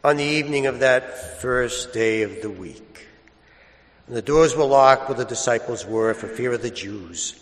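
A man's voice: mid-range voice, unhurried. A man, a priest, reading the gospel and preaching in a large church, telling stories plainly with some restarts. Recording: long church reverb.

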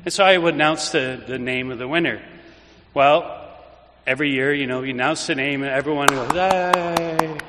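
An older man, a priest, giving an informal anecdotal homily in conversational, halting phrases in a reverberant church. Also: mid-range voice, steady tone, noisy background. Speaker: priest, pastor.

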